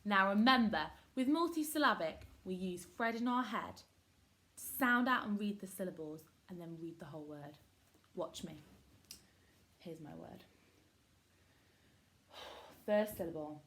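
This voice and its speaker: Encouraging woman teaching phonics slowly. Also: medium pitch, lively intonation, fairly bright tone. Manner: encouraging, gives short prompts and praise; models words slowly, syllable by syllable. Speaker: primary school teacher. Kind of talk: phonics lesson to children.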